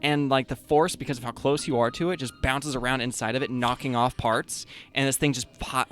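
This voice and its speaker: A man's voice: mid-range voice, fairly even intonation, fairly quick, fairly bright tone, smooth, soft background music. A man narrating as game master at a tabletop game, rambling casually with lots of filler words and cheering his players on.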